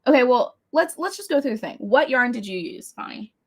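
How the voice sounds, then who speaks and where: A woman's voice: on the high side, expressive, fairly quick, husky. A woman co-hosting a podcast, talking in a chatty, jokey way. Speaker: podcast co-host. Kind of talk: casual chat.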